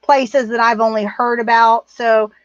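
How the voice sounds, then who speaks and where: Her voice fairly high with little pitch movement, a middle-aged livestream co-host goes through viewer comments at an unhurried pace. She's blunt and rambling and laughs a lot; the sound is muffled and dry, with no echo.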